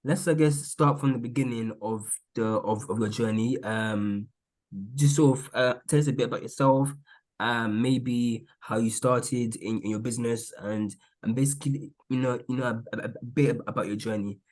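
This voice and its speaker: A man's voice: medium pitch, moderate pace, a little mellow. A man hosting a casual podcast, opening hesitantly with many fillers and restarts. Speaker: podcast host.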